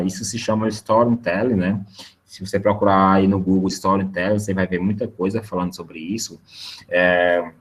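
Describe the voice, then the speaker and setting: A man's voice: low-pitched, a little mellow. Brazilian man giving a casual sales webinar. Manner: conversational, keeps adding a questioning "né?". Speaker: sales trainer presenting a webinar.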